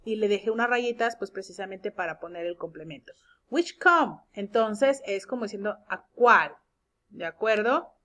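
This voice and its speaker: A woman teaching an English grammar lesson, explaining step by step and reading example sentences slowly and clearly. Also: medium pitch, fairly bright tone. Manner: explains step by step, checks with "¿de acuerdo?".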